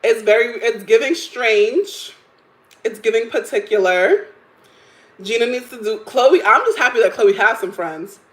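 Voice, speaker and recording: A woman's voice: on the high side, animated, a little slow. Thirties woman host, opinionated and chatty, laughing often, roomy echo on the recording. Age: 30s. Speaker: livestream host. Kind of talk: casual chat reacting to stories and chat comments.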